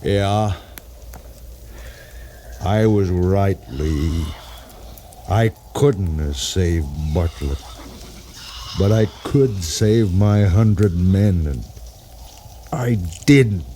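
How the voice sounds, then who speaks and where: An actor playing a dying, regretful lieutenant in a 1950s radio drama, speaking slowly and haltingly with old broadcast sound. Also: male voice, sits low, animated, warm tone, slight background noise, full character voice. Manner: slow, halting, breathy farewell. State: dying, weak. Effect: old radio show broadcast sound.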